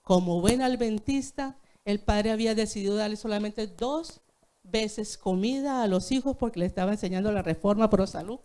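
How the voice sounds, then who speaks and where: A woman's voice: mid-range voice, moderate pace, dark tone. A woman preaching a sermon in a church, telling a story and speaking directly to the congregation.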